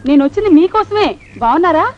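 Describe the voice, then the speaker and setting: A brazen past-life wife, rapid and insistent. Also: female voice, very high voice, lively intonation. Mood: insistent, coy. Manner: rapid, insistent, flirtatiously familiar. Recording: noisy lo-fi film soundtrack.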